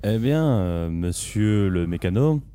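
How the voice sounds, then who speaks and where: A man's voice: fairly low pitch, animated, takes it slowly, dark tone, clear, resonant tone. A man co-hosting an improvised comedy sketch, amused and laughing between lines. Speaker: comedy show co-host.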